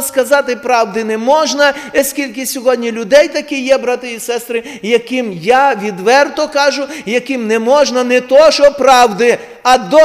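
A man preaching a sermon, calling out to his congregation with impassioned swings from hushed to loud exhortation. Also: very high voice. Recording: long reverb of a large hall.

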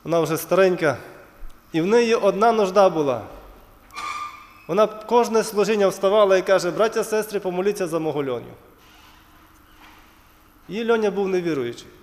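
A man's voice: high-pitched, fairly quick. A man preaching a sermon, retelling scripture and stories, calling his listeners brothers and sisters. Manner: addresses congregation as brothers and sisters. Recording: long hall reverb, church.

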